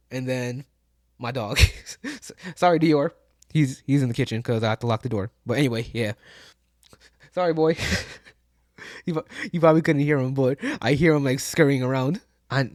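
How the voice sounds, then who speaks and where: A man's voice: medium pitch, darkish tone, dry recording, clean studio sound. A man in his twenties giving casual, profane reaction commentary at home, chatty and full of slang. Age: 20s. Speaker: reaction streamer.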